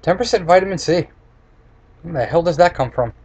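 A man's voice: a little high, animated, brisk, a little mellow, breathy edge. A man in his twenties talking casually and bluntly, with sarcasm, as he reviews and rants into a webcam. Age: 20s. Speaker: snack reviewer. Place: small room indoors. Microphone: computer webcam at close desk distance. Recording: noisy webcam microphone with room noise.

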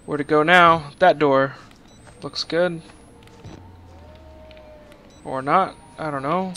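A man's voice: fairly high pitch, fairly even intonation, slow, sharp tone. A man co-hosting a horror game let's-play, joking around and fretting about getting scared. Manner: jokey, nervous about scares. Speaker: co-host. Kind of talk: casual let's-play chat. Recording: faint background noise.

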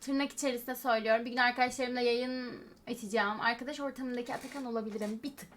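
A woman streamer giving expressive live reaction commentary from her living room, with frequent laughing exclamations. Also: on the high side, fast, noisy background.

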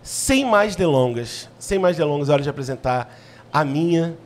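A man's voice: on the high side, expressive, moderate pace, a little hiss or hum. A man in his thirties from Rio de Janeiro with a Carioca accent, hosting a podcast in an upbeat, enthusiastic way. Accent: Carioca Portuguese. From Rio de Janeiro, Brazil. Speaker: podcast host. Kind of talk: hosting a podcast, reading sponsor ads. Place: indoor podcast studio. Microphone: studio mic on a boom arm.

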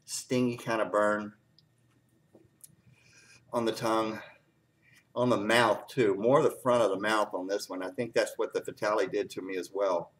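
During a laid-back hot-pepper tasting review, a man grows teary from the heat, talking haltingly through many fillers and clearing his throat again and again. His voice sits on the low side, a bit bright, with fairly even intonation.

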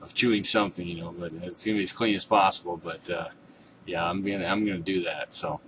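A man in his forties speaks in a deep register as a fitness coach on a casual home vlog. He is low-key and halting, with pauses between thoughts. The sound is distant from the microphone, with clear noise behind it. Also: steady tone. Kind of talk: casual vlog check-in to online followers. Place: small room at home, indoors. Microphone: webcam at desk distance. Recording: noisy, distant webcam microphone.

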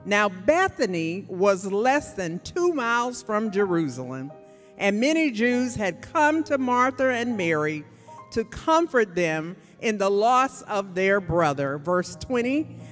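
An older woman, an associate minister, preaching a sermon from a church pulpit into a handheld microphone, speaking to the congregation. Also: medium pitch. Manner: preaching with call-and-response asides to the congregation. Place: large church sanctuary, standing at the pulpit. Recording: church sanctuary reverb with faint music.

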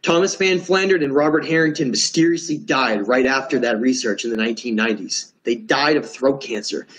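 A man's voice: medium pitch, rough recording. A man presenting in a casual lecture, earnest and emphatic, often restarting words.

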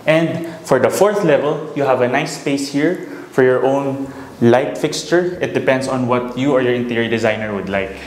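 A man's voice: mid-range voice, moderate pace. Upbeat man giving a house tour. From Philippines. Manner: upbeat, polished salesman pointing out features. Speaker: real estate broker giving a house tour. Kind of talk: walking house tour narration. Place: bright empty townhouse rooms indoors.

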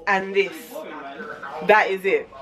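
A young woman chats casually in a vlog. Her voice sits at a middling pitch. She is recorded indoors on a camera held at arm's length. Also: steady tone, slow pace, crowd noise. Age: 20s. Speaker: vlogger.

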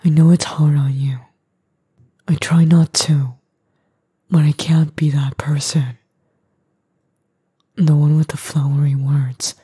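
Woman as husky, low, whispering boyfriend in whispered role-play. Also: level tone, takes it slowly, pauses often, dark tone, no room sound, studio quality, heavily acted. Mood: earnest, tender. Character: edgy young boyfriend, gruff but tender and worried.

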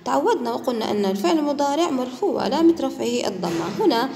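A woman teacher taking students through language exercises, patiently repeating words and sounding them out slowly. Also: high-pitched, animated, gravelly, warm tone. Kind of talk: classroom lesson explaining exercises. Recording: long hall reverb.

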